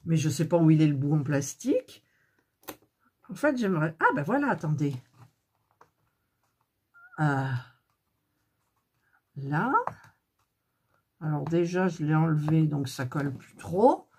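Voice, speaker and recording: Woman, middle-aged, casual craft vlog, grumbling to herself, slow halting speech, husky voice, close phone recording. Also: deep voice, darkish tone. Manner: grumbling, talking to herself while working. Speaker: craft video host. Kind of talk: casual hands-on craft demo.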